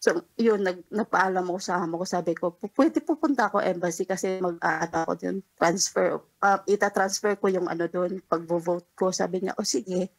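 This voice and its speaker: A woman's voice: on the low side, normal speed, hardly any pauses, poor audio. Woman caller spilling a confession. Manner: rambling, retells dialogue, nervous laughs. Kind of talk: confessional storytelling on a call-in radio show.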